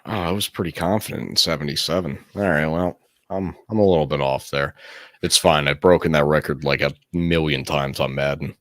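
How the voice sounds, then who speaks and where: A man's voice: extremely low pitch, a little fast, fairly bright tone, dry recording. A man co-hosting a casual sports podcast, rambling and swearing, often correcting himself mid-sentence. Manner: rambling, profane, self-correcting. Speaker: podcast co-host.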